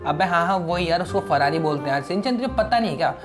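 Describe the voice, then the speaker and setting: Brief: male gaming YouTuber, rapid brash banter, addresses viewers. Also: on the high side, animated, music in the background. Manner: brash, rapid banter, calls audience guys. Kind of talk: gaming let's-play commentary.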